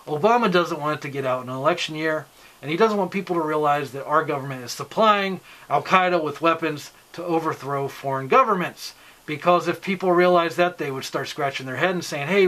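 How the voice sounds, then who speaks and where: A man with an American accent delivers informal political commentary to his online audience. His voice sits a little high and has a sharp, forceful brightness. He explains things insistently, often putting questions to the listener and answering them.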